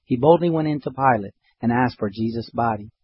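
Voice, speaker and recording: Husky man reading scripture steadily. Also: medium pitch, fairly quick, muffled recording. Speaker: scripture reader.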